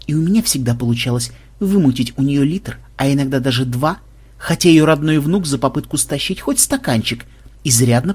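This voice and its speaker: A man voicing a young male programmer who talks eagerly and turns to sugary flattery. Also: on the high side, breathy edge. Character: young male programmer, scheming and smooth-talking.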